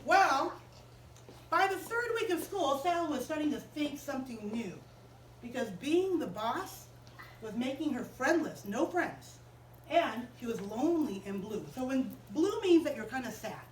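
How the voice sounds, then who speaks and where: Animated woman telling children a story. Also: high voice, a little slow, reverberant, distant mic, a little hiss or hum, low-quality recording. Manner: animated, asks the children questions. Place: chapel room.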